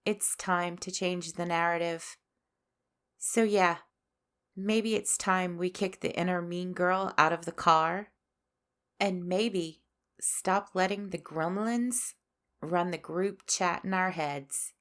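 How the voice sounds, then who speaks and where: A woman's voice: fairly low pitch, fairly even intonation, a bit bright. A woman hosting a spiritual podcast, delivering a scripted monologue with sass and a preachy edge. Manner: slow, sassy, preachy delivery. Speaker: podcast host. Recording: faint music underneath.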